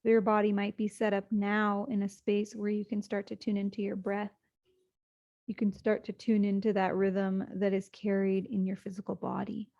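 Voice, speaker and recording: This is a sleep meditation led by a woman whose calm, gently paced delivery includes long pauses. Her intonation stays flat and steady, and the sound quality is somewhat muffled and lo-fi.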